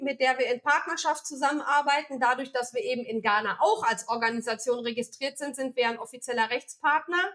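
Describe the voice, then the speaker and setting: A woman's voice: sits high, fairly bright tone. A woman from Germany, founder of a charity, explaining its work in a casual interview with many fillers and restarts.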